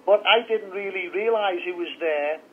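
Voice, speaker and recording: A man's voice: high-pitched, normal speed. A middle-aged man, talking openly and chattily as a guest in an interview by phone. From north of England. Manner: candid, chatty storytelling. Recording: tinny phone line.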